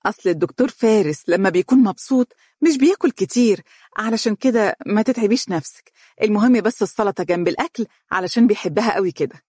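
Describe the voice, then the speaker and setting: A cheerful young Egyptian woman full of eager chatter, as a male storyteller voices her. The voice is raised and breathy. It sounds like a dry audiobook. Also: mid-range voice, lively intonation, quick pace, no room sound, voice pushed up. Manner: bright and eager.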